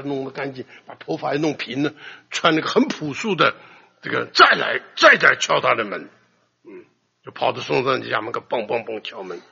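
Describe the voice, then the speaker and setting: A man preaching a sermon, telling stories in an animated way and acting out quotes with sudden loud outbursts, in a muffled lo-fi recording. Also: mid-range voice, gravelly, husky.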